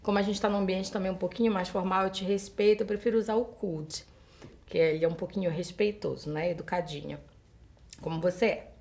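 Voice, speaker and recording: A Brazilian woman who teaches English, explaining grammar step by step, reading example sentences slowly and translating them for her students. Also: lowish voice, steady tone, gravelly, a little mellow. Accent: Brazilian Portuguese. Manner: addresses students directly, asking them questions. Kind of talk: recorded online school lesson.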